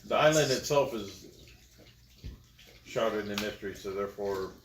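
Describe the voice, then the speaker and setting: Low-voiced guy at the d&d table, kinda halting, sits away from the mic in an echoey room. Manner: asks game questions, halting. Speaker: tabletop game player. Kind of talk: casual table chat. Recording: distant from mic in a roomy space, faint noise.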